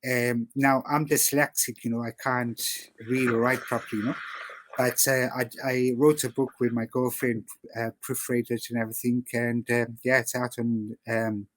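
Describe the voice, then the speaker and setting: A man's voice: mid-range voice, flat delivery, normal speed, dry recording. A man from South Africa with an English-sounding accent, guest on an interview, rambling with lots of fillers. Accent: English-sounding, not South African. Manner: rambling with many "you know" fillers. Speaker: guest artist. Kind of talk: casual interview talk.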